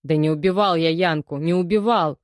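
Brief: woman voicing a loud, grumbling ex-con man, low and dry, storybook interrogation. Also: a little fast, dry recording, close to an everyday voice. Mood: defiant protest. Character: male detained ex-convict, defensive, sullen.

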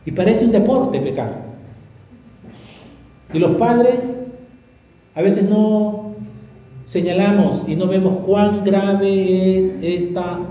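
A male pastor with a high, very dark and mellow voice delivers an emphatic sermon, tossing rhetorical questions at his listeners. The sound rings with heavy reverb from a church hall. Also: takes it slowly, long pauses.

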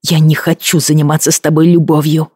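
A woman's voice: low-pitched, level tone, fairly quick, mellow, slightly rough, dry recording, clean studio sound. A reader voicing a defiant young woman. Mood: indignant. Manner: heated, indignant.

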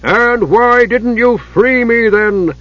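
A man voicing a huge, mocking male fire giant, the father of chaos, with a slow, booming, taunting delivery. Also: fairly bright tone, no room sound, highs cut off, full character voice. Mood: menacing.

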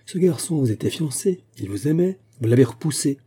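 A man's voice: medium pitch, expressive, brisk, dark tone, breathy edge, pitched above the performer's own voice. A man reading aloud and voicing a cruel young woman at court who taunts her rival insistently. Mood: taunting.

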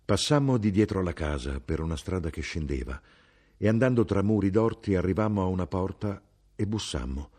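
A man giving a measured, expressive literary reading of a novel. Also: low voice, breathy edge. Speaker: audiobook reader. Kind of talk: scripted literary narration.

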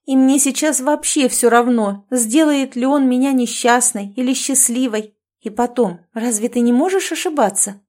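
A woman's voice: high-pitched, normal speed, a little mellow, pitched above the performer's own voice, natural voice. Woman voicing Olesya, a flustered young woman in love. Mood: defensive. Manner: protesting, pleading, flustered.

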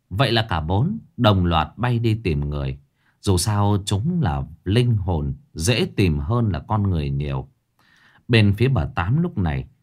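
A man narrating a ghost story in an expressive storytelling manner. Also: on the low side.

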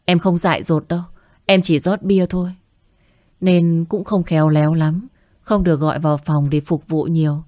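A humble young medical student voiced by a woman reader, pleading softly and politely. Her voice is low. The recording is dry and close. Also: fairly even intonation, moderate pace, no room sound, lightly acted. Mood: earnest.

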